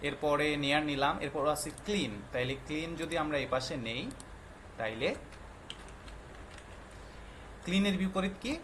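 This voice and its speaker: A man's voice: a little high, moderate pace, fairly bright tone, slight background noise. A male teacher patiently explaining a lesson to young children, quizzing them often and mixing English words into his explanations. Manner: patient, quizzing with frequent questions.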